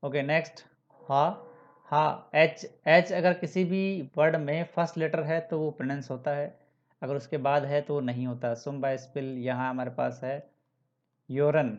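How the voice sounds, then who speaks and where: A man teaching the German alphabet, spelling out letters slowly, repeating example words and mixing English words into his explanations. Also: fairly high pitch, steady tone. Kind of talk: classroom-style alphabet lesson. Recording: dull, slightly lo-fi sound.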